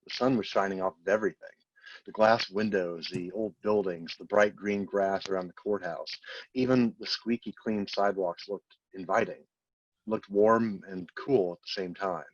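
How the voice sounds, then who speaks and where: A man's voice: low-pitched, dry recording. A man reading as a weary jailed brother. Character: incarcerated adult brother writing home, weary. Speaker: play reader. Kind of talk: staged play reading. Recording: muffled lo-fi with faint noise.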